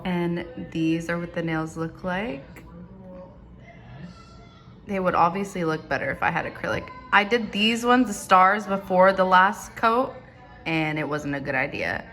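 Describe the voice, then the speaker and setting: A woman's voice: on the low side, measured pace, fairly bright tone, faint music behind. A woman in her early thirties chatting casually in a rambling, conversational way for a home vlog, often saying "like". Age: early 30s. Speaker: vlogger. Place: indoors at home.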